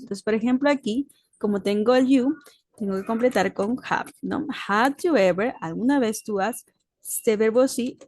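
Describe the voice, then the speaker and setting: A woman's voice: medium pitch, darkish tone, dry recording. Patient teacher woman, very dry sound. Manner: explains patiently, mixing Spanish and English, checking in with "¿sí?". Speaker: English teacher. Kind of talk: recorded online lesson.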